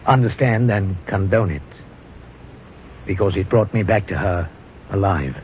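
A hard, composed male safari hunter in a 1950s radio play. He speaks with quiet contempt and expressive pitch, through a muffled old recording. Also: measured pace, noisy background. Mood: grave, contemptuous. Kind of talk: 1950s radio drama acting.

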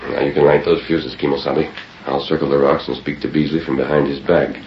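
Casting: firm, calm masked cowboy hero, very deep voice, vintage muffled radio sound. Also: male voice, a little fast. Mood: brisk, hushed. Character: Lone Ranger, steadfast masked western hero in disguise. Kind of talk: old-time radio western acting. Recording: muffled old radio recording with hiss.

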